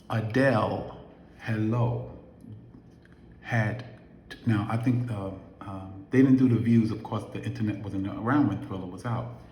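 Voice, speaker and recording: A man in his late fifties, an affiliate marketer vlogger, delivers an emphatic motivational talk to camera, peppering viewers with rhetorical questions. His voice is on the low side with a darkish tone. The room sounds echoey, with slight background noise.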